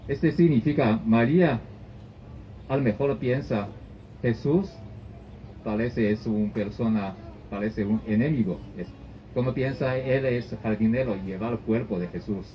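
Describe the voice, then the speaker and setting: A man preaching a sermon as pastor, in halting phrasing that often restarts and repeats. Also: mid-range voice. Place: church service. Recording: dull lo-fi recording with faint noise.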